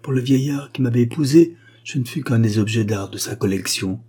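A man's voice: mid-range voice, fairly quick, mellow, husky. Man putting on a teasing ghostly widow. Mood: bitter. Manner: teasing, wistful, half-whispered. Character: proud mocking ghostly young widow. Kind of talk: audiobook reading.

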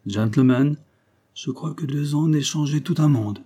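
A man voicing a ragged young ensign, just escaped from captivity, who speaks with halting, wounded pride. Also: on the high side, dark tone, slightly rough, voice pushed up.

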